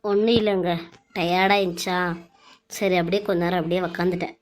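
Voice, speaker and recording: Woman as a dutiful young wife, soft pleading voice, Bangalore Tamil accent, cartoon serial. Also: on the low side, little pitch movement, fast, natural voice. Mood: hurt, hiding. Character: Anjali, young tearful wife, meek and dutiful.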